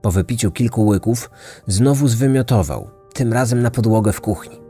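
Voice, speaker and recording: A man reading a scripted true-crime story in a measured, dramatic way. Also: mid-range voice, mellow, soft background music. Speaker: podcast narrator.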